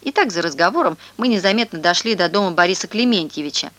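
A woman reading a children's story aloud in a lively, expressive way. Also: lowish voice, fast, dry recording.

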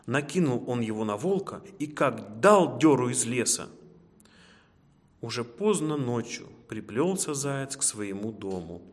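A man tells a children's fairy tale in a lively, expressive storytelling voice of ordinary pitch. The reading sits in a room with a clear trailing reverb. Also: unhurried. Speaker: narrator. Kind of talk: storybook narration.

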